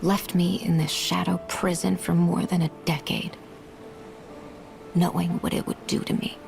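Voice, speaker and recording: An actress voicing a bitter young woman warrior consumed by darkness, speaking in a flat, accusing monotone. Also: lowish voice, measured pace, gravelly. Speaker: game character. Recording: game cutscene with loud music. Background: loud music.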